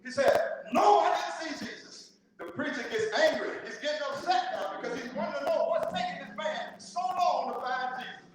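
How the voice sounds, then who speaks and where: A man's voice: very high-pitched, brisk, few pauses, a little hiss or hum. A man from the southern United States preaching a sermon in a church, telling stories and leading call and response. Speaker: pastor. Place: church sanctuary. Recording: echoey church hall from far off.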